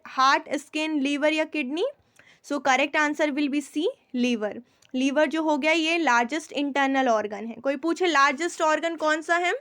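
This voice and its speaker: A woman with an Indian accent going through general knowledge questions as a teacher, mixing Hindi and English, often checking that students follow and slowing down to read each question. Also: sits high, a bit bright. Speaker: quiz teacher. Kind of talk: explaining quiz answers.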